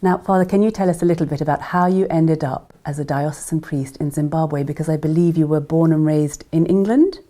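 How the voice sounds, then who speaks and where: Low-voiced woman interviewer. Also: mellow. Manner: polite and measured. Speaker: studio interviewer. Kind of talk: formal interview intro. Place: studio.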